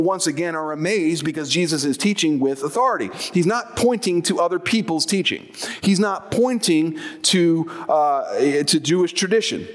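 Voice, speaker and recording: Male preacher, easygoing explanatory delivery, somewhat high pitch, echo of a long hall. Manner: conversational, explanatory preaching with asides. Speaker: pastor. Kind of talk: sermon.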